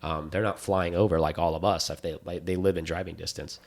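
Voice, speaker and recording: Talking a little quickly in a low voice, a man co-hosts a podcast. He chats casually, rambling with enthusiasm and spinning animated stories.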